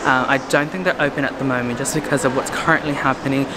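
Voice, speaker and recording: A young adult vlogger talks fast in a mid-range, steady voice while strolling through streets and shopping centres, holding a selfie camera at arm's length. The casual walking-tour narration is chatty and rambling, full of fillers and asides, with heavy background noise.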